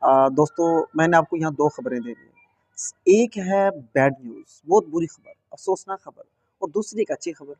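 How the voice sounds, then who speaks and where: A young man from Pakistan tells a story casually to camera. His voice sits a little high, and he talks in an animated way, repeating himself and chuckling as he goes. The sound is dry and close, with no room echo. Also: normal speed. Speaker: vlogger.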